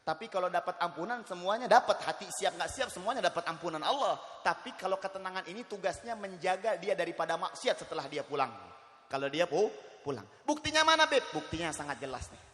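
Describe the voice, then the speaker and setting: A man's voice: high-pitched, a little fast, fairly bright tone. A man from West Java, preaching a sermon to a gathering, joking with and teasing his audience. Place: religious gathering hall. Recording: echoey hall with long reverb.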